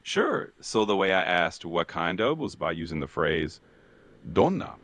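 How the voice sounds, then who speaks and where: Deep, lively male language tutor. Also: unhurried. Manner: encouraging, explanatory. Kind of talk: instructional question-and-feedback.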